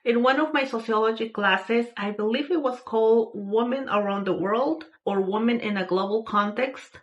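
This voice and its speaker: A woman's voice: a little high, dull audio. Earnest woman from Peru. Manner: earnest, unhurried, with frequent fillers and restarts. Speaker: vlogger sharing a personal story. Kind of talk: casual personal testimony.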